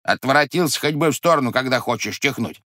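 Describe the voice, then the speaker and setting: A man's voice: mid-range voice, quick pace, a bit bright, no room sound, clean studio sound, lightly acted. A man voicing a stubborn, grumbling old grandfather who mutters and exclaims to himself.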